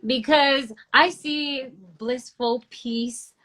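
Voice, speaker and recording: A woman's voice: sits high, fairly even intonation, very slow, a bit bright, rough recording. A woman from Barbados in a casual chat, speaking earnestly, agreeing readily and laughing often.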